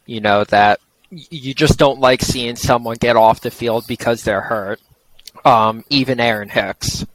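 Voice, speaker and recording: A man of average pitch speaks. He chats informally as a sports podcast panelist, in an everyday conversational style. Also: unhurried, low-quality recording. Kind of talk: casual sports chat.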